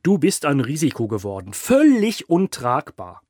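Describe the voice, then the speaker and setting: A man's voice: medium pitch, moderate pace, no room sound, studio quality, natural voice. A man reading an audiobook, voicing a ruthless, scornful male construction boss who hisses and snarls his threats. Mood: menacing. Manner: hissing, snarling, louder and sharper than the narration.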